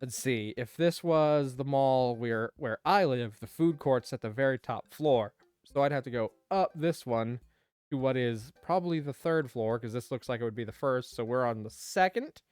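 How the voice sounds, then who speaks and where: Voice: medium pitch, moderate pace, a little mellow, smooth, no room sound. A streamer playing a dating game, reading the dad's lines and making chatty, rambling asides. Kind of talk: let's play commentary and reading.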